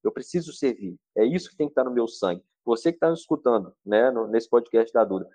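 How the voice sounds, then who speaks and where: A man's voice: mid-range voice, animated, fast, mellow, no room sound. A man talking as a therapist guest on a podcast, urging listeners in a fervent, preacher-like way. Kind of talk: earnest podcast talk.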